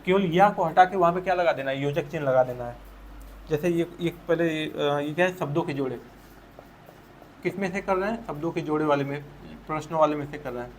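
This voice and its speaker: A man's voice: fairly high pitch, brisk, slight background noise. A man teaching a school textbook chapter, patiently explaining answers and asking leading questions to his students.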